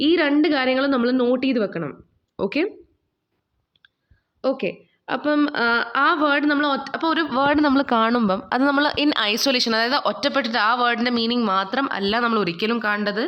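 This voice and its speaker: A woman with a high voice teaches English vocabulary with a Malayali accent. She moves between Malayalam and English, asks her own questions and answers them herself, and reads the English passages slowly and carefully. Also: lo-fi sound. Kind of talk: recorded online English lesson.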